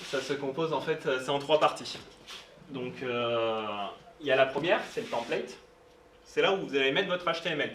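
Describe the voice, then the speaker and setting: A man presents a technical talk to a live meetup audience, pausing often and filling gaps as he goes. He is heard from a distance in a roomy space, with a faint hiss underneath. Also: mid-range voice, fairly bright tone. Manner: hesitant, many fillers, informal asides. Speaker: meetup speaker. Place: meetup room. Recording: roomy sound, distant mic, faint noise.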